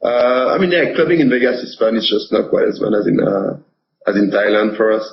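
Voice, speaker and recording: French-accented man, halting, lo-fi line. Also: on the low side, lively intonation, creaky, a little hiss or hum. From France. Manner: halting, many fillers and restarts. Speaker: poker pro guest. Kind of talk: casual interview.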